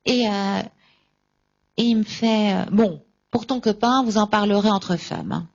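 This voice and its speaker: A woman giving a personal faith testimony at a conference, recounting events with lively acted-out dialogue. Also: medium pitch, measured pace, vocal fry, dull audio. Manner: lively, acts out remembered dialogue.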